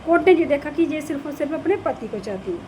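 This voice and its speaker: A woman with a high voice delivers heated reaction commentary. She scolds and mocks, and she circles back on her own phrases to drive them home. Faint noise sits under the recording. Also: animated, quick pace, dark tone, low-quality recording. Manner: scolding, sarcastic, repeats phrases. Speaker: reaction video creator.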